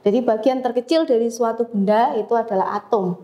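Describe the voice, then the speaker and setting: A woman teaching a physics lesson, explaining step by step with frequent pauses and fillers. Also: on the high side, warm tone, lo-fi sound. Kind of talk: classroom lecture.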